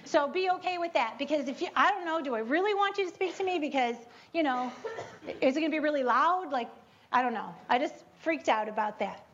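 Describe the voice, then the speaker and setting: A woman giving a chatty, animated devotional teaching, breaking into spoken prayers to God. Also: a little fast, slight background noise. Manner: chatty and animated, prays aloud with rising pitch. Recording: dull lo-fi recording.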